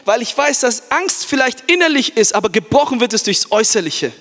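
High-voiced preacher in an echoing hall. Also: male voice, sing-song, brisk, fairly bright tone. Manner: fervent preaching, asks the crowd "Amen?", mixes in English words. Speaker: youth pastor. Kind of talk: sermon. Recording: echoey church hall.

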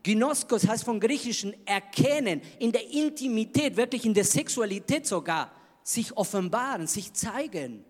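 A man preaching a sermon in an emphatic manner, swinging between loud bursts and hushed lines. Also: high-pitched, animated, moderate pace, big-room sound. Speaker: pastor.

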